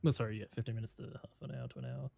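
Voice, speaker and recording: Male game master for tabletop fantasy, conversational narration, mid-pitched, very dry recording. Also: steady tone, very fast, vocal fry, mellow, dry recording.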